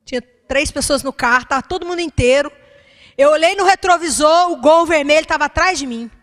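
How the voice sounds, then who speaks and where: High-voiced woman preaching fervently. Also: brisk. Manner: fervent preaching, calls out to the congregation. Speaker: pastor. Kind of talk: sermon.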